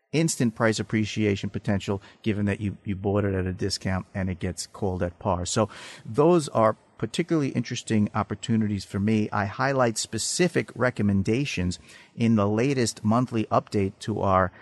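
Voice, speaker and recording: A man giving explanatory market commentary as a guest analyst, technical and measured, with some hesitancy. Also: lowish voice, gravelly, no room sound. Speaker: financial research analyst guest. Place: studio.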